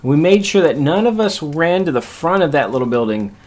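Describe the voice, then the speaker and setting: A man's voice: a little high, big pitch swings, brisk, a little mellow, a little hiss or hum. A man giving casual commentary over a recorded match, explaining each move to his squad in an easygoing way. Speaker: host narrating a squad's match.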